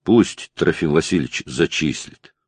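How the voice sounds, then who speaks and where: Male narrator voicing gruff clumsy young worker, low, husky, mutters a bit, storybook. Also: lively intonation, measured pace, dry recording, full character voice. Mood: grumbling. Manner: gruff, grumbling.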